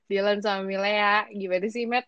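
A young woman tells a story on a podcast in an animated, slangy way. Her voice sits at an ordinary middle pitch. The recording is dull and dry. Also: clean tone, no room sound. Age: young adult. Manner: animated, slangy, quick bursts of excitement. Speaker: podcast co-host. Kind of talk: casual storytelling chat.

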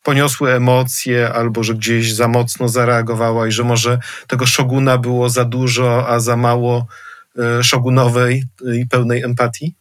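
Flat-voiced male podcast host. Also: medium pitch, normal speed, no echo, studio quality. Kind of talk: podcast interview.

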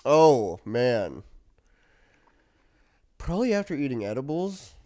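A man's voice: mid-range voice, sing-song, slow pace, mellow. A man co-hosting a podcast, chatting casually, agreeing a lot and laughing easily. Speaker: podcast co-host. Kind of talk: casual comedic chat.

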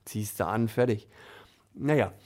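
A man's voice: lowish voice, unhurried, a little mellow. A man telling a casual personal anecdote in a chatty, colloquial way, with frequent tag questions. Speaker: storyteller.

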